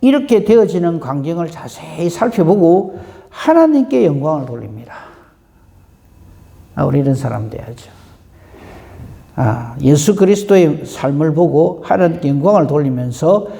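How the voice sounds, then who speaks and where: A man preaching a dawn prayer sermon in a conversational way, often clearing his throat and asking the congregation questions. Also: fairly high pitch, animated, normal speed, mellow, long reverb tail. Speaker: pastor.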